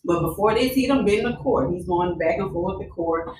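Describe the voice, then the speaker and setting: A woman co-hosting a casual chat, telling a story in an animated, profane, laughing way. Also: medium pitch, normal speed, echoey room, distant mic, slight background noise, low-quality recording. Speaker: podcast co-host.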